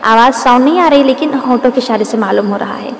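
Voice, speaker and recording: A woman teaching the rules of Quran recitation, explaining patiently and drawing out each example word. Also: a little high. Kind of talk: tajweed lesson with demonstrations. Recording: echoey room with long reverb.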